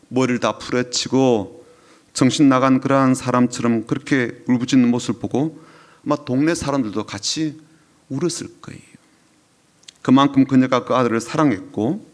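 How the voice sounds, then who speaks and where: A male pastor preaching with deep feeling, his voice set at an ordinary middle pitch. He tells the story with emotion, sometimes sinking to a hushed whisper and then swelling again. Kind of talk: sermon.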